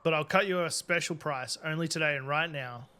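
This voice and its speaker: A man voicing a gruff, folksy old fisherman who haggles over his catch in a video game. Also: a little high, brisk, pushed and bright. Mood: gruff haggling.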